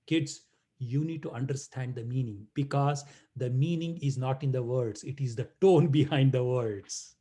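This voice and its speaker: A man's voice: mid-range voice, dark tone. A man giving a playful talk to children over a video call, teasing and chanting verses. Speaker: guest speaker.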